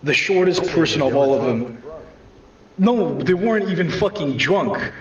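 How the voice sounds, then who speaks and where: A man casually telling a profane comedic story in a deadpan way, with constant swearing. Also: on the high side, normal speed. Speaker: storyteller on a comedy game night. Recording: distant echoey room, dull lo-fi mic, faint noise.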